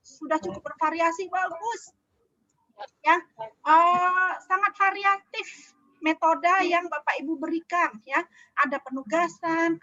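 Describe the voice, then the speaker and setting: A woman's voice: extremely high pitch, sharp tone, dry recording. A woman trainer giving chatty feedback to a class over a video call, often asking them questions. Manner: chatty, asks the class questions, laughs easily. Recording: dull lo-fi video call audio.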